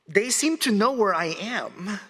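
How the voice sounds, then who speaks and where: A Filipino-born man in his forties gives a conversational public lecture as a guest speaker in a large hall, often asking the audience questions. His voice is high and a bit bright, with a long hall reverb on the recording.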